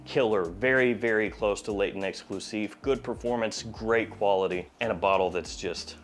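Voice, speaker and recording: With a fairly low voice at normal speed, a man in his forties hosts a fragrance review, mildly congested from a head cold. He keeps things playful and wry in a small indoor studio, where slight background noise can be heard.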